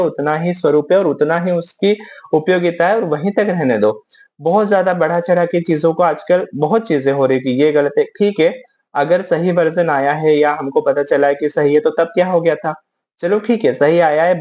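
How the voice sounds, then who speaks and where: A man's voice: fairly high pitch, darkish tone. A man with an Indian English accent teaching vocabulary in a casual, chatty way, with many fillers.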